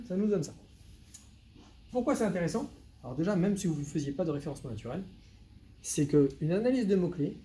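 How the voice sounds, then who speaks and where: A faint hiss runs under this web consultant's meetup talk, delivered live to the audience. His pitch is higher than typical for a man, though the tone is very dark and mellow. He speaks straight to the room in a lively way, tossing off dry asides as he goes.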